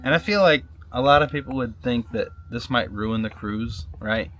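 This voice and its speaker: A man talking casually in a sit-down vlog, halting and repeating words, often checking in with "right?". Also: mid-range voice, a bit bright, slight background noise. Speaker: vlogger, husband.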